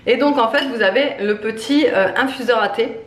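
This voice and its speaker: A French woman in her thirties, a family vlogger, chats to camera at home at a normal pace in a fairly high voice. She presents a product, scatters hesitant "euh" fillers throughout, and says she is worn out. The indoor room is echoey with some background noise.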